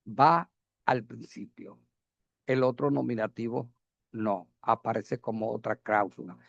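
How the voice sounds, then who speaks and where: Gravelly man teaching Greek grammar. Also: on the high side, no echo, dull audio. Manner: halting, with many fillers and questions to the class. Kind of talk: classroom lecture.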